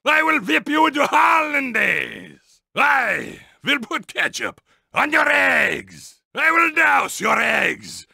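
An actor playing a bombastic, villainous monster truck in a video game, with vampire-count theatrics and a raspy, gravelly voice, shouting taunts. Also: male voice, extremely high pitch, big pitch swings, slow pace, no echo, studio quality, heavily acted. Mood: menacing, boastful. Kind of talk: video game character voice clips.

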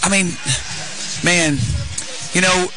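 A woman's voice: on the low side, fairly even intonation, slow pace, over music, rough recording. A middle-aged woman coach in a postgame radio interview, talking in a rambling way full of fillers and restarts on a headset mic. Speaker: women's basketball head coach. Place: courtside in an arena.

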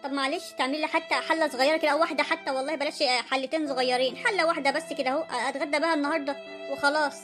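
A woman voicing a poor, gentle older mother-in-law in an Egyptian cartoon story, pleading and self-effacing, with an Egyptian accent. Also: high voice, fairly even intonation, racing, soft background music.

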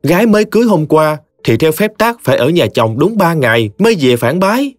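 Brief: male narrator doing a high, nagging sister-in-law with a Southern Vietnamese accent, animated, dry audiobook sound. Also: brisk, no echo, faint music behind. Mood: scolding. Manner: scolding, nagging. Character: scolding older sister-in-law, woman.

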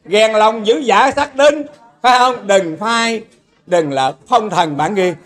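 A man preaching in a folksy way with a Southern Vietnamese accent. His voice sits extremely high for a man. He tells homely stories and keeps turning to the audience for a nod of agreement. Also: slow, fairly bright tone. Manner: storytelling, keeps asking the listeners for agreement. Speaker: lay preacher. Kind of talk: folksy sermon.

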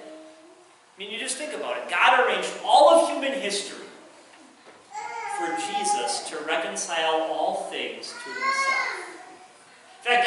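Preaching a sermon in a large sanctuary, a young man speaks in a high, pushed, bright voice, earnest and repeating his points for emphasis. He uses a pulpit microphone, but the clip is filmed from far below, so it sounds very echoey and far off, with slight hiss or hum.

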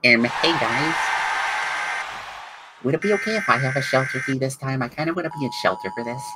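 A man putting on a timid, nerdy young man's voice in game voice chat, over loud background noise. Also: medium pitch, animated, a little fast, natural voice. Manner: hesitant, polite, nasal-sounding nerd voice. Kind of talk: voice chat while gaming.

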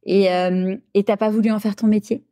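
A woman hosting a podcast, asking her guest questions in a friendly, encouraging way. Her pitch sits in the middle of the range. The sound is close and dry, with no room echo. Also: little pitch movement, normal speed, dark tone. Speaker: podcast host. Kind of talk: podcast interview.

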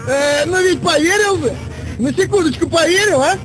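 A man's voice: very high-pitched, moderate pace, rough recording. A man voicing a naive, cheerful, goofy space dog in a cartoon. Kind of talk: cartoon voice acting.

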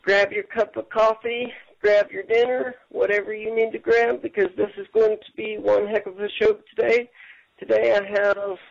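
A man hosts a casual internet radio interview with a gravelly, rough-edged voice. He sounds upbeat and heaps praise on his guest. The audio is muffled and low-fidelity. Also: little pitch movement, normal speed. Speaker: radio show host.

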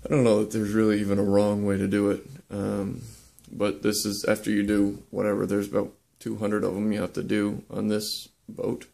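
A young adult man working as a woodworking instructor gives a casual how-to demonstration in an indoor workshop. His voice is low-pitched and very gravelly. He talks in a relaxed, halting way, with many ums and uhs.

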